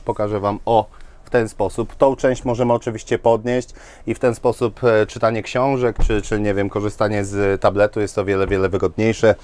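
A man's voice: on the low side, little pitch movement, moderate pace, a little mellow. A man in his thirties presenting caravans at an indoor trade fair, chatting to viewers with lots of fillers, on a lapel mic. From Poland. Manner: enthusiastic, talks straight to viewers with many fillers. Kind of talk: walkthrough presentation.

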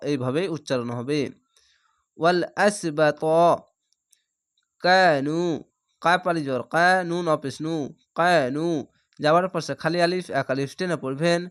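A man teaching Quran reading, spelling out each letter and vowel slowly and then blending them into words. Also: a little high, a bit bright. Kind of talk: slow spelled-out recitation lesson.

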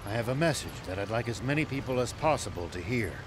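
An actor in his sixties playing a gruff, remorseful old ex-general who talks tersely. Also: mid-range voice, lively intonation, fast talker, background noise, close to an everyday voice. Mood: resolute. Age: 60s. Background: music.

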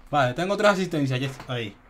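A laid-back young gamer from the Dominican Republic streams from his home room, chatting casually about gameplay and mixing in English words. His male voice is a little high, expressive and quick, with a bit of hiss or hum.

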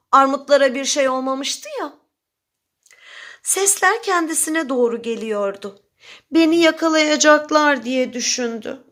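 A woman narrating a children's story in a slow, expressive storytelling manner. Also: sits high.

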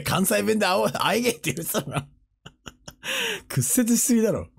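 A man chatting casually on a livestream, joking and animated, often breaking into laughter and playful mimicked voices. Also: on the high side. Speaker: streamer.

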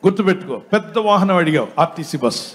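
A man voicing God, who answers a foolish request calmly and with dry humor. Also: high-pitched, quick pace, a little hiss or hum. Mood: wry. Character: patient, wry God speaking to a man.

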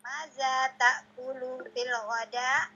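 High-pitched woman reading arabic practice lines slowly, bright husky voice, muffled. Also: steady tone. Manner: slow, careful reading. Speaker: student. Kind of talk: reading an Arabic dialogue aloud.

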